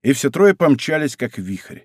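A man narrating an adventure novel as an audiobook with an expressive, dramatic reading. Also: mid-range voice, a little slow, husky, no echo, clean studio sound.

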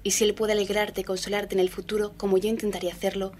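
A man voicing a grieving young woman in a radio story reading, speaking softly and reproachfully. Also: sits high, level tone, fast talker, slight background noise, pitched above the performer's own voice, close to an everyday voice. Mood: sorrowful.

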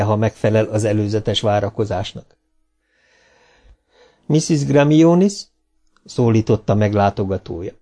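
A man narrating a novel as an audiobook, reading in a calm, measured way. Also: on the low side.

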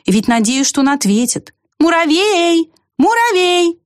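A fretful little female squirrel from a storybook, her voice pitched high and bright. A woman puts her on as she reads. The sound is dry and close, with no room around it. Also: lively intonation, normal speed, no room sound. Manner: high, calling out.

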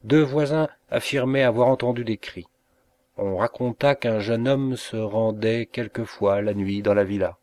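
A man reading a short story aloud in an unhurried, dramatic manner, voicing the dialogue himself. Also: lowish voice, darkish tone. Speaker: reader of short stories. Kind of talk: slow literary narration with dialogue voiced.

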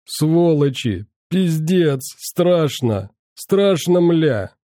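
A man's voice: animated, very slow, dark tone, dry recording, clean studio sound. A man voicing a terrified young male captive who stammers and cries in panic. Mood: hysterical. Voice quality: shrill, stammering. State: crying.

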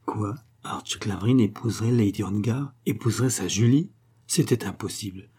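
Mellow, husky male audiobook narrator. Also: lowish voice, normal speed. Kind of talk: scripted narration of a classic novel.

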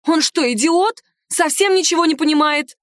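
A furious, proud young noblewoman, as a woman narrator acts her out, shouting shrill and high. Her outrage rings in a dry, close sound. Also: moderate pace, dry recording, lightly acted.

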